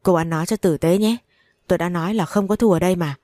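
A woman's voice: fairly low pitch, fast, no echo, studio quality, lightly acted. A woman voicing an arrogant, cruel jealous wife who speaks scornfully. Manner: scornful, shouting.

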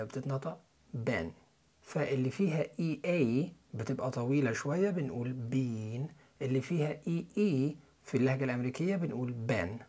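A young man with an Egyptian Arabic accent, teaching English listening and pronunciation in a quick, chatty way. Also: medium pitch, darkish tone. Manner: quick, chatty lesson delivery with spelled-out letters and repeated example words.

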